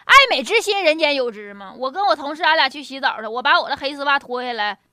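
High, animated Northeastern Chinese woman comedian. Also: fast talker, dry recording, studio quality. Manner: chatty, folksy, often chuckling. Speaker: comedy talk show host. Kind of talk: comic monologue with jokes and anecdotes. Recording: music behind the voice. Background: music.

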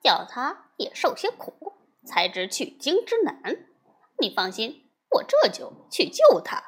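A woman's voice: sits high, huge pitch swings, breathy edge, exaggerated voice. A woman voicing a mischievous male monkey king who teases his companion in a storybook tale. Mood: reassuring. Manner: teasing, brisk.

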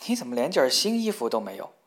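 A man's voice: mid-range voice, sing-song, quick pace, natural voice. A man voicing a curt, nagging grandmother. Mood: scolding. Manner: curt, scolding. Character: older woman, grandmother, nagging and blunt.

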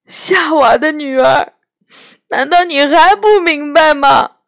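A woman voicing a gentle, guilt-ridden male faun who talks through sobs in a storybook reading. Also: sits high, slow, vocal fry, pitched above the performer's own voice, full character voice. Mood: pleading. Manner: sobbing, choked and pleading.

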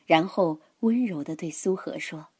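A woman narrating a children's story in a gentle, expressive, dramatic way. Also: lowish voice, a little slow, husky, no room sound.

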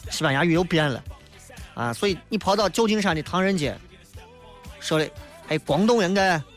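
A man with a high-pitched voice and a Shaanxi dialect accent, bantering through a comic radio monologue. He sounds wry and teasing as he knocks down misconceptions, speaking into a studio microphone with faint music underneath. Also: normal speed. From Shaanxi, China. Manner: wry, joking, mocks misconceptions in a lively banter. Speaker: radio talk show host.

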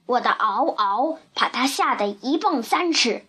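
A woman's voice: fairly high pitch, expressive, unhurried. A woman voicing a proud, bossy male lion in a storybook, smug and boastful. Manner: boastful, scheming.

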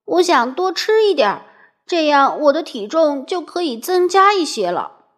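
Woman doing skinny sighing storybook man, wistful, high voice. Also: big pitch swings, normal speed. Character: very thin man with no appetite, plaintive. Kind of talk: storybook reading.

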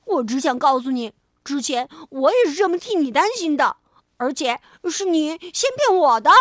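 A woman voicing an excitable, prank-loving little rabbit in a children's story, with dramatic wails and loud teasing. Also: high-pitched, normal speed, no echo, studio quality.

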